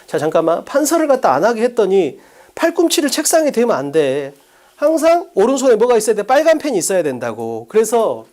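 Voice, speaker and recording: Animated man lecturing in a lively pitch. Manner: animated, drilling students with quick questions; talks down to students in casual speech. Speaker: English teacher. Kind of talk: exam-prep lecture. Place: lecture studio.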